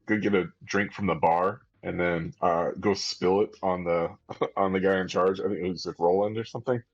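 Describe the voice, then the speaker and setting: A man's voice: low-pitched, steady tone, moderate pace, lo-fi sound. A man playing a tabletop game, talking casually about his character's actions. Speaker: player.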